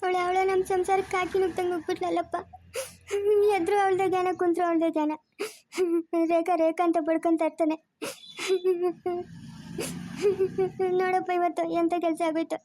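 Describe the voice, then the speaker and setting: A woman's voice: high voice, steady tone, fast, long pauses, dark tone, dry recording, close to an everyday voice. A woman voicing a distraught, bitter middle-aged village mother. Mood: tearful. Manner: wailing laments and angry threats.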